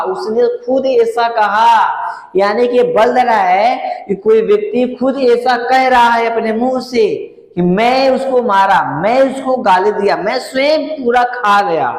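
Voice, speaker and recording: A man's voice: sits high, echoey room, big-room sound, poor audio. A male English grammar teacher, lecturing a class and repeatedly asking the students whether they follow. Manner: repetitive, keeps asking if students understand.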